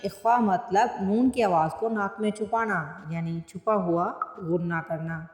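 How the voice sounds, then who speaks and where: A woman teaching Quran tajweed word by word, explaining each rule plainly and then reciting the words slowly with long drawn-out vowels. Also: fairly low pitch, steady tone, darkish tone. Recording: echoey room with long reverb.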